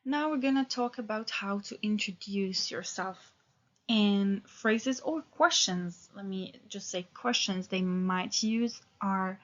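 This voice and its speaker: This is a woman in her thirties running an English lesson, her medium-pitched delivery relaxed but hesitant, peppered with fillers and restarts. The sound quality is lo-fi.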